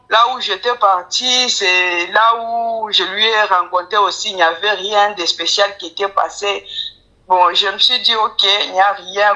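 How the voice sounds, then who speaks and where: A woman with a Congolese accent telling her story as a deferential caller, in halting, broken French as a non-native speaker with grammar slips. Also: mid-range voice, pushed and bright, rough recording. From Kinshasa, Congo. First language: not French; speaks it with difficulty. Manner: deferential, often addressing the coach by title. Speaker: caller to a live coaching show. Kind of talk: personal storytelling.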